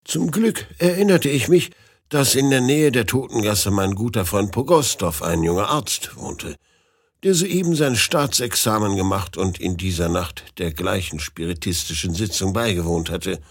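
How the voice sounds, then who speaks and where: A man narrating a story with a measured, dramatic reading. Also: fairly low pitch, animated, husky, no room sound, studio quality. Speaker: audiobook narrator.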